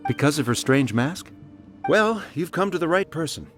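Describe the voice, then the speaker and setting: Man playing an earnest, animated storytelling soldier. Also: on the high side, moderate pace, natural voice. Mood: friendly, intrigued. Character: earnest, talkative wounded male soldier, trusting storyteller. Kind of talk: game character dialogue, storytelling. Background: music.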